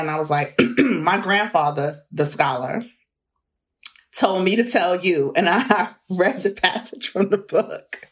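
A middle-aged woman guest telling animated personal anecdotes in casual conversation, laughing often. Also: on the low side. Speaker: interview guest, author. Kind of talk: conversational storytelling.

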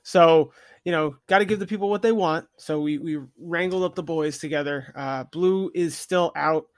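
A man's voice: a little high, normal speed, no room sound, studio quality. A man hosting a podcast in a casual, chatty style. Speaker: podcast host.

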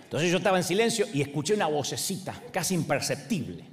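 A man's voice: a little high, quick pace. A man in his forties with an Argentine accent, a pastor preaching a humorous sermon and acting out the voices in his stories. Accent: Argentine Spanish. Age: 40s. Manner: animated, acts out other voices, laughs along.

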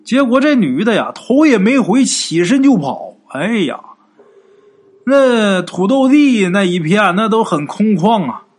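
A man's voice: high voice, big pitch swings, unhurried, pitched above the performer's own voice, full character voice. A man voicing a boastful middle-aged village man who talks in a coarse, folksy way. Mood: boastful, spooked. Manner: coarse, swaggering folksy talk.

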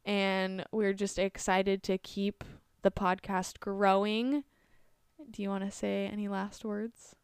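A woman's voice: medium pitch, level tone, takes it slowly, smooth, dry recording, studio quality. A woman hosting a podcast, closing an episode in a friendly, chatty way with fillers. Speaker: podcast host. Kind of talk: casual podcast sign-off.

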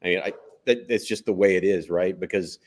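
A man's voice: deep voice, a little fast. A man hosting a sports talk show, chatting and putting questions to his co-host. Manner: conversational, asks guest questions.

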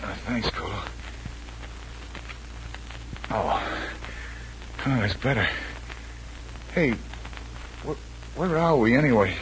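An actor playing a brave, wry, defiant jungle adventurer in a 1940s radio serial. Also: male voice, mid-range voice, very animated, slow pace, fairly bright tone. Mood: groggy. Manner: defiant, dryly sardonic. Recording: noisy old radio broadcast.

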